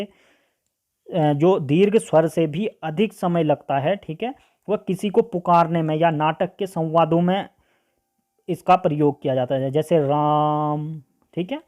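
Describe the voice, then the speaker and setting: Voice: mid-range voice, mellow. A teacher giving an online grammar lesson, asking questions and answering them, sounding out vowels one by one, and checking in with "okay" after nearly every point. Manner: keeps adding "ठीक है" as a check-in; asks a question and then answers it.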